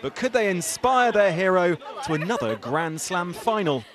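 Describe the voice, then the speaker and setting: A man's voice: high-pitched, very animated, moderate pace, crowd noise. A British man narrating a scripted sports news report with a dramatic storytelling delivery.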